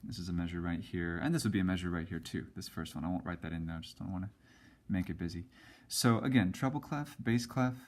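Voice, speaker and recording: Male music teacher, low voice, relaxed and halting, talks while drawing on a board. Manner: casual, hesitant with many ums and restarts. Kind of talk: whiteboard music lesson.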